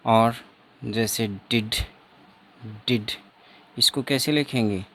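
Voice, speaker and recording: A man's voice: medium pitch, takes it slowly, a bit bright. A man teaching an exam-prep phonetics lesson, repeating each sound and example several times.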